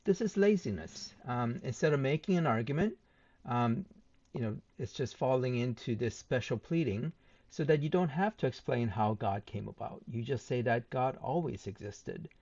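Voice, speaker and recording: A man's voice: mid-range voice, expressive, a little mellow. A man picks apart a debate opponent's claims point by point, speaking steadily with plenty of ums and uhs. His voice sits mid-range. The recording is a bit dull and lo-fi. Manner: measured, with many filler ums and uhs. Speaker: channel host responding to a debate. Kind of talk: point-by-point rebuttal commentary.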